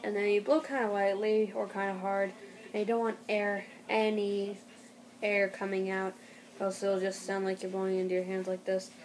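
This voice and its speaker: A young woman giving a casual home tutorial in a halting, rambling way, as an amateur host. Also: mid-range voice, little pitch movement, a little mellow, poor audio. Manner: halting, rambling delivery with throat clearing. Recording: noticeable background noise, amateur home recording.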